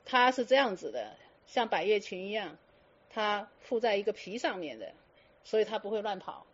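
A woman's voice: medium pitch, big pitch swings, moderate pace. Teasing woman Buddhist teacher, lo-fi. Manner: teasing rhetorical questions, mixes English words. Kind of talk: dharma talk to students.

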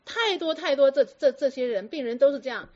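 A woman telling stories about patients to an audience in a lively, lecturing way full of rhetorical questions. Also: high voice, fairly quick. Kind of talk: storytelling talk to an audience. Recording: dull lo-fi recording.

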